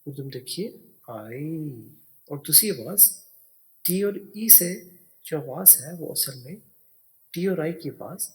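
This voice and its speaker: A man's voice: fairly high pitch, lively intonation, measured pace, pauses often. A man teaches English words by spelling them out letter by letter and patiently explaining each sound. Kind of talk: slow spelling and pronunciation lesson.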